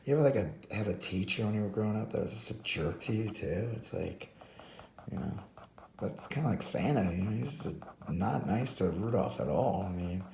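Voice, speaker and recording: A hoarse man casually commenting while he draws, rambling with many fillers and restarts. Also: lowish voice, lively intonation, a little fast, dark tone, echoey room, slight background noise. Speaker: host.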